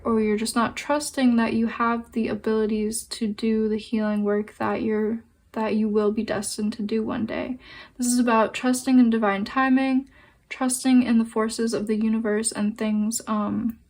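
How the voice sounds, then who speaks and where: A woman giving a pick-a-card tarot reading, gentle and reassuring, with frequent fillers and restarts. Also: a little high.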